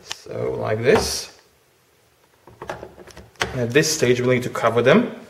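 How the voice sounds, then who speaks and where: A man's voice: medium pitch, slow, gravelly. A man from Bosnia and Herzegovina, a guest, walks through a cooking demonstration step by step. His voice sits in a roomy, echoing space. A faint hiss runs underneath. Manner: explains step by step, instructive. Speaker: guest cook and orchid judge. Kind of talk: casual demonstration.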